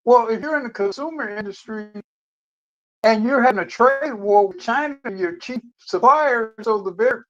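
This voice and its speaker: A man's voice: very high voice, a bit bright. A man in a casual chat whose call audio keeps breaking up and clicking in and out, talking in a rambling way and swearing freely. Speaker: guest caller. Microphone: remote call device. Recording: muffled lo-fi online call.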